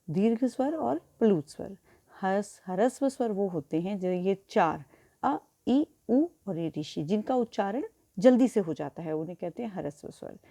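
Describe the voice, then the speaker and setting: Woman, schoolteacher, warm low-bright tone, patient, spells out sounds, recorded lesson for kids. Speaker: school Hindi teacher. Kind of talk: recorded online grammar lesson for children.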